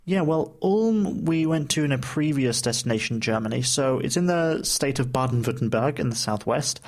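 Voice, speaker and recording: A man co-hosts a relaxed travel chat show, talking in a loose, playful way. He fills his pauses with ums and uhs and plays around with words. His voice sits at an ordinary middle pitch. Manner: chatty, playful with words, many fillers. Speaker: co-host. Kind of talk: casual podcast chat.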